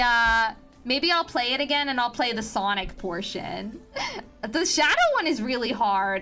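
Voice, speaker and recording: A woman's voice: high voice, bright, forceful tone. A young woman chatting with her viewers on a stream from home, giggly and teasing, with lots of restarts. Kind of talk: casual chat with stream viewers. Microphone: home streaming mic.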